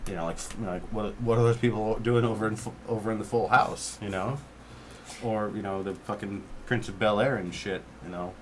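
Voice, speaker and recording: A man's voice: fairly low pitch, fairly even intonation, brisk, a little hiss or hum. A man co-hosting a casual chat show, rambling with lots of fillers and casual swearing. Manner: rambling, heavy on "like" and "you know", swears casually. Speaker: co-host.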